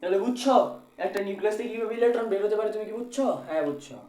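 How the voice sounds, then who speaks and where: A physics tutor with a colloquial Bangladeshi Bengali accent rattles through an exam-prep lesson in a high, mellow voice. He repeats phrases and poses questions only to answer them himself, and the low-quality recording has an echoey room sound.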